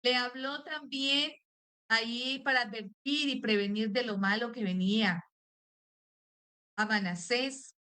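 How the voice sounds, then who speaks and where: A woman's voice: a little high, fairly even intonation, unhurried, pauses often, bright, forceful tone. A woman preacher, earnest and direct, telling a personal testimony in a sermon and often turning to the congregation as brothers and sisters. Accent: Colombian Spanish.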